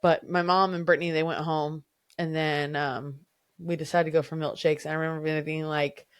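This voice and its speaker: A woman's voice: deep voice, little pitch movement, moderate pace, clear, resonant tone, no echo, clean studio sound. A woman in her thirties co-hosting a family podcast with her husband, chatty and giggly, with lots of "like" and "um". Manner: chatty, giggly, adds "like" and "um" a lot. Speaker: podcast co-host. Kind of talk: casual conversation.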